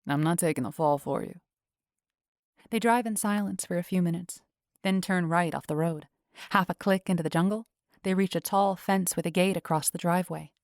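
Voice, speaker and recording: A woman narrates a first-person story evenly and clearly. Her voice is slightly low and recorded close on a studio mic, completely dry with no room sound. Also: brisk, dry recording. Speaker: audiobook narrator.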